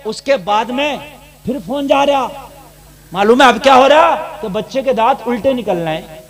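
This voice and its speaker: Brief: male preacher from India, very high voice, fiery sermon delivery that swells into shouting. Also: normal speed. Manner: fiery, rising to shouts, addressing the crowd directly. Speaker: mufti preacher. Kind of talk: sermon to a gathering.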